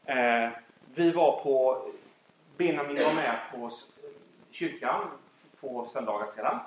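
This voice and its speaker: Animated man telling a faith story. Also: medium pitch. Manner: animated storytelling, acts out scenes. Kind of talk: faith talk with personal story. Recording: echoey room.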